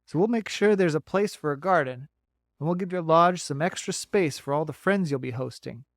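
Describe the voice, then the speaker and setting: A man's voice: on the high side, normal speed, no room sound, studio quality, natural voice. A man voicing a friendly, talkative male beaver who eagerly gives folksy advice in an audiobook. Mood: chatty. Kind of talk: audiobook character voice.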